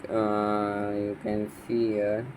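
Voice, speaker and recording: A man vlogging about his electronics project, thinking aloud in a halting way and often restarting sentences, sounding sleepy. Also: lowish voice, completely flat delivery, a little mellow, slight background noise, rough recording. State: sleepy, yawning. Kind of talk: thinking aloud while tinkering.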